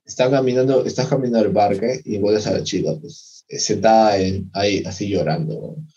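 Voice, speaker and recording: A man's voice: lowish voice, brisk, mellow, slightly rough. A young man co-hosting a podcast, chatting casually and rambling, often searching for his words and using slang. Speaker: podcast co-host. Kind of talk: casual chat. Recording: dull lo-fi sound.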